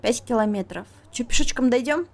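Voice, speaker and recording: A woman's voice: a little high, a little fast, a little mellow. A young woman casually commenting on a game she is streaming, playful and crude, muttering to herself. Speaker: streamer playing a video game.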